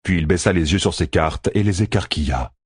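A man narrating a fantasy audiobook in an expressive storytelling manner. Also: low-pitched, a little fast, slightly rough, no room sound, studio quality.

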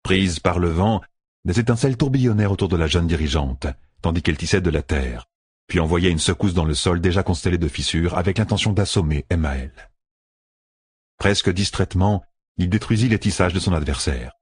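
A man reading a fantasy novel aloud as an audiobook narrator, in a measured, even way. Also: deep voice, slightly rough, no echo.

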